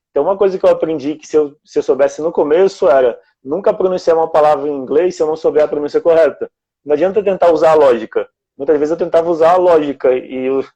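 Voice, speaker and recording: A man's voice: a little high, warm tone, muffled recording. A man from Brazil in casual conversation as a guest, explaining things step by step in a reflective way.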